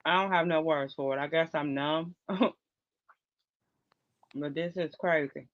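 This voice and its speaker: A man's voice: on the high side, fairly even intonation, unhurried. A man co-hosting a casual livestream, laid-back and agreeable. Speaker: livestream co-host. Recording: dull lo-fi dry sound.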